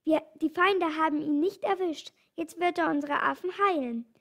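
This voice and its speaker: A high, lively troop of jungle monkeys from a children's storybook, calling out eagerly and urgently, as a woman reading the tale puts them on. The voice sits well above an ordinary speaking pitch. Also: slow, heavily acted. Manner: eager, shouting gladly. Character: excited crowd of jungle monkeys.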